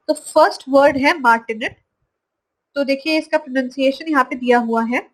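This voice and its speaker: A woman teaching English vocabulary from slides, saying each word slowly and repeating it. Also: high-pitched, low-quality recording. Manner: slow, drawn-out pronunciation of each word, repeated. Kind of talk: slide-based vocabulary lesson.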